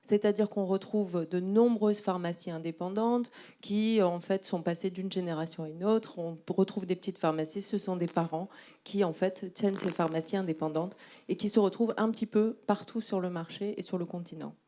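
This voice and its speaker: A woman's voice: fairly low pitch, steady tone, moderate pace, dark tone. A woman interpreting a presentation live, explaining and rephrasing as she goes.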